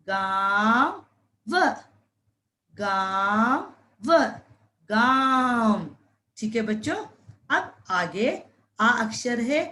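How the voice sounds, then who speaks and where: A woman leads young children through a phonics lesson at an exceptionally slow pace. She draws out each syllable and says every word several times over, and her voice sits a little above the usual pitch. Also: a bit bright. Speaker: primary school Hindi teacher.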